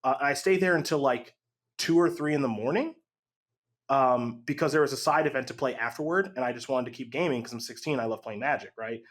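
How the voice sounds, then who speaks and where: A man casually telling a long gaming story on a podcast, lively and acting out the voices of the people in it. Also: medium pitch, a little fast. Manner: animated, acts out quotes with voice jumps.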